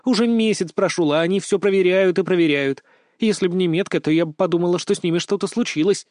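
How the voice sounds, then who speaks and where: A man voicing a lively, cheeky teenage granddaughter in an audiobook, with a bold, teasing way of talking. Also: high voice, fast talker, no room sound, clean studio sound, voice pushed up, lightly acted. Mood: impatient. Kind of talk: audiobook character voice.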